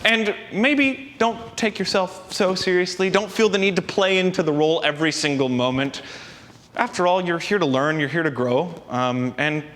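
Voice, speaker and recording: A young man hosting a college comedy show, telling jokes in an animated, exasperated way. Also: sits high, moderate pace. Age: young adult. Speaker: host. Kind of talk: comedic monologue and sketch. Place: set on a campus stage. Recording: long hall reverb.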